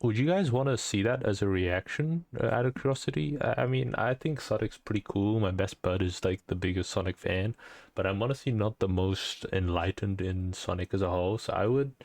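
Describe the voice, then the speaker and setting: A man's voice: on the low side, fairly quick, creaky, darkish tone, no echo. A man hosting a reaction video, commenting casually and hesitantly with filler words.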